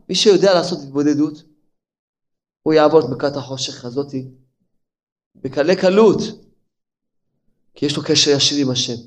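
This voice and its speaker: A man, an older rabbi, delivering an impassioned sermon, his voice leaping up in sudden outbursts and falling to low, quiet asides. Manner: impassioned, with sudden pitch leaps and drops to near murmur.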